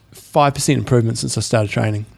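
A man with a New Zealand accent co-hosts a relaxed, colloquial chat. His voice sits at a middling pitch with a creaky edge, recorded dry without room sound. He is wry and deadpan in his banter. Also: a little fast, dry recording, soft background music. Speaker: co-host of a sports talk show. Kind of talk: casual banter.

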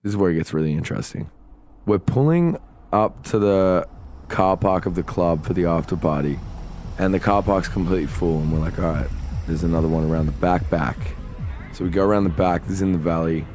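With a little hiss or hum in the background, an Australian man co-hosting a podcast tells a story in casual conversation. He speaks fairly quickly in a low register, animated and swearing freely as he acts out people's lines.

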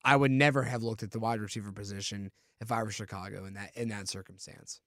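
A man's voice: lowish voice, fairly even intonation, quick pace, fairly bright tone, no echo, studio quality. A man co-hosting a casual sports talk show, building his points with stammered restarts. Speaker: sports podcast co-host.

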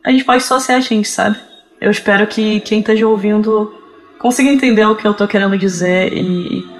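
Male podcast guest, cracking reedy voice, mid-pitched between male and female, halting and reflective. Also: faint music behind, low-quality recording. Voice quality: cracking, reedy voice from early gender transition. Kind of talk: casual, reflective advice and personal account.

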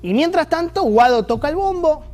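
A man's voice: extremely high pitch, expressive, moderate pace, a little mellow, soft background music. A man with an Argentine accent delivering emphatic, sarcastic political opinion commentary as host. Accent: Argentine Rioplatense Spanish.

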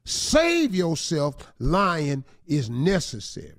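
A man's voice: a little high, wildly swooping pitch, takes it slowly, fairly bright tone, no echo, studio quality. A man co-hosting a comic advice talk segment, teasing the letter writer and acting out his lines. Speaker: radio show co-host giving advice. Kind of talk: comic relationship advice chat.

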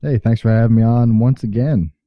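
A man's voice: mid-range voice, a little fast. A man in casual chat as a podcast co-host, in lo-fi sound.

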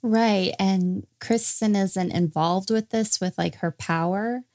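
A woman's voice: medium pitch, slow, a little mellow. A woman talking casually as a guest on a podcast. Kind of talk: casual chat.

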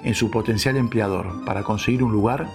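A man's voice: lowish voice, a little fast, gravelly, music in the background. A man reading a scripted opinion piece with wry, sarcastic asides. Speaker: narrator.

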